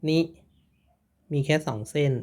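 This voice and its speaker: Guy teaching japanese letters, super slow and patient, says each sound over and over. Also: darkish tone. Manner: patient, repeats each syllable many times. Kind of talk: slow step-by-step writing lesson.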